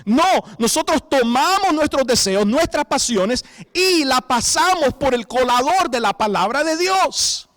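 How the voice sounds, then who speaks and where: Brief: male pastor, high voice, animated sermon delivery, dry close mic. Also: measured pace, no room sound. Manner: animated preaching, quoting imagined voices, rising to shouts.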